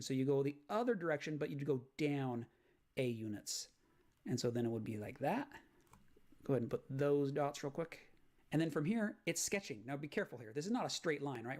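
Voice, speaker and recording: A man's voice: a little high, a little mellow. A man teaching a math lesson on video, explaining graph sketching step by step and checking in with "right?". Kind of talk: recorded lecture walkthrough.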